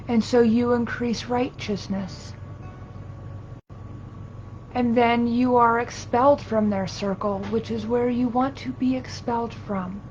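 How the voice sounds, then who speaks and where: A woman channeling as a seance medium, giving a solemn spiritual sermon in formal, archaic, halting phrases as a collective "we". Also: a little mellow. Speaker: trance channeler. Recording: dull lo-fi audio with low rumbling noise.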